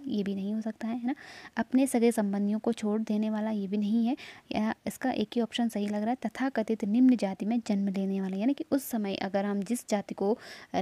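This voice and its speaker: A woman's voice: medium pitch, dark tone, dry recording. A woman teaching an online exam-prep lesson, patiently explaining each answer step by step and checking in with tag questions.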